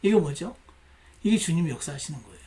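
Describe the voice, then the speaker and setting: 여성 양육반에서 성경을 가르치는 남자 목사로, 질문을 던지고 인용된 말을 연기하듯 들려준다. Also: male voice, a little high, fast, a little hiss or hum. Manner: animated, rhetorical questions, acts out quoted lines. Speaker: pastor teaching a women's Bible class. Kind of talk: Bible class teaching. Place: church classroom.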